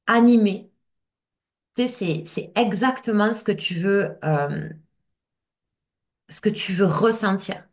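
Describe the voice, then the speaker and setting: Speaking directly to camera, a female business coach gives a casual coaching talk, addressing the listener and checking in frequently. Her voice is lowish.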